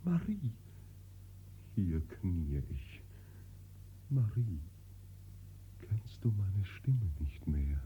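A man's voice: low-pitched, big pitch swings, very slow, pauses often, a little hiss or hum, full character voice. An actor playing an impassioned young nobleman begging forgiveness, fervent and sinking into pleading whispers, in 1940s radio acting on a dull, lo-fi old radio recording.

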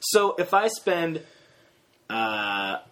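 Lively-voiced man chatting on a podcast. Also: a little high, extremely slow. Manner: chatty, works through the numbers aloud. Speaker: podcast co-host. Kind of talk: casual podcast chat. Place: friend's house.

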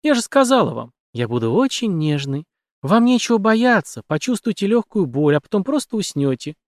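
Cold calm female killer voiced by a man, soft menace, higher tone, dry audiobook sound. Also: normal speed, no echo.

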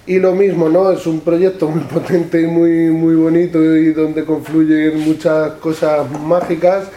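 Halting Manchegan man giving a talk. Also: a little high, level tone, mellow, a little hiss or hum. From La Mancha, Spain. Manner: halting, repeats words and adds "¿no?" often. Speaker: author presenting his books. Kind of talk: public talk. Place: event room with an audience. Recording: echoey room.

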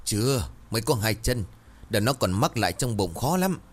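A man putting on a gruff old midwife woman. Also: big pitch swings, moderate pace. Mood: scolding. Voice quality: shrill, scolding. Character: stern old female village midwife, gruff.

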